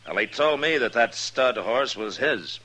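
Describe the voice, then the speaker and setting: An actor playing a firm, fair frontier marshal in an old-time radio western, speaking plainly and with authority. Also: male voice, mid-range voice, animated, unhurried, bright, forceful tone. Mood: stern. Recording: noisy vintage radio recording.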